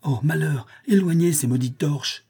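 A man voicing a desperate, vengeful young man in a storybook reading, agitated and shouting. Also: a little high, normal speed, breathy edge, voice pushed up.

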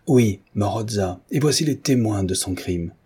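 A man's voice: on the low side, expressive, moderate pace, mellow, slightly rough. A man voicing a young countess who scolds a peasant crowd in an imperious, commanding way.

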